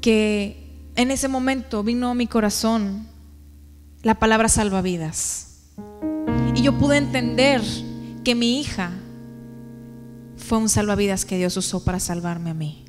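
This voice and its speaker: A woman with a fairly high voice giving an earnest church testimony, turning to the congregation with questions. Her voice carries a long reverb from a large hall, over clear guitar music. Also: unhurried, pauses often. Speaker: testimony speaker.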